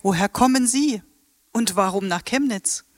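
A woman's voice: medium pitch, unhurried, no echo, clean studio sound, lightly acted. An actress playing a polite, formal Japanese woman tour guide in a radio play.

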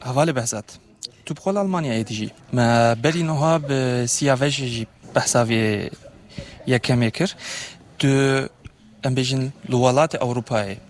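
A man's voice: mid-range voice, moderate pace. A man moderating a panel, asking questions in two languages with hesitant fillers.

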